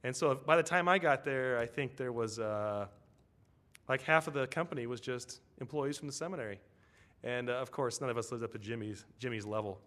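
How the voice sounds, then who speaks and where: A man's voice: mid-range voice, fairly quick, fairly bright tone. A man preaching a conversational sermon, telling a story and asking his congregation tag questions.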